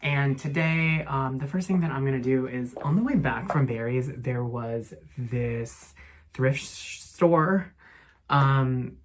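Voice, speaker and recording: Speaking slowly in a very deep voice, a woman travel vlogger talks casually to her handheld camera. She rambles with lots of fillers while strolling through city streets and relaxing in a hotel room.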